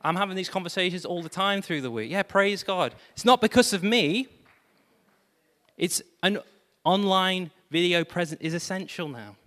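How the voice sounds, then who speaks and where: A fairly high-voiced man preaches a lively sermon, mixing self-deprecating jokes with bursts of praise. His voice rings out with a long hall reverb behind it. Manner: animated, self-deprecating humor, exclamations of praise. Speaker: pastor.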